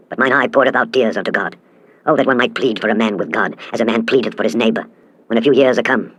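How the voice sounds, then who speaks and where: Fast-talking man reading scripture. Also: medium pitch, fairly bright tone, breathy edge, no room sound. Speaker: scripture reader. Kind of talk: scripted dramatic Bible reading.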